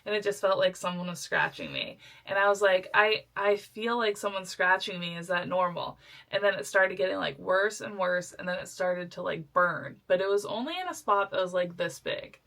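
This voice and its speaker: A woman's voice: fairly low pitch, brisk, vocal fry, hardly any pauses, a bit bright. A young adult woman, a podcast co-host, chatting casually and telling her story animatedly, acting out the voices of the people she quotes. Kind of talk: casual chat.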